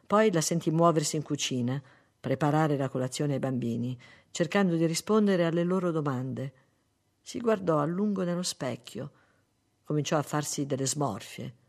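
A narrator reading a literary story aloud in a measured, unhurried way. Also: medium pitch, a little mellow.

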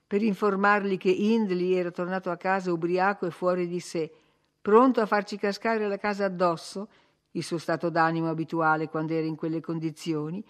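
A woman narrating a classic novel as an audiobook in a measured, expressive storytelling manner. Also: medium pitch.

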